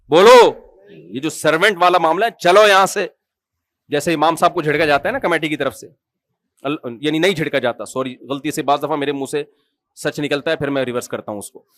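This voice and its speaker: Pakistani male preacher, lively joking sermon, high voice, dry mic. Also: no room sound. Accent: Pakistani Urdu. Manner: humorous, animated storytelling with acted quotes; asks the audience questions.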